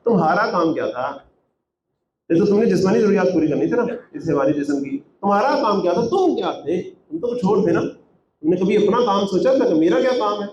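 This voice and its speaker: A man with a fairly high voice teaches from scripture, reciting verses and then explaining them with rhetorical questions. The room is echoey, with faint noise underneath. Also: lively intonation, darkish tone, highs cut off. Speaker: Quran translator and teacher. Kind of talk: Quran translation with commentary.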